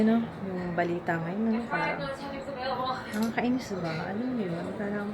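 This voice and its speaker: A middle-aged woman with a Filipino accent, hosting a casual family vlog and chatting while switching between Tagalog and English. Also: mid-range voice. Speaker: vlog host.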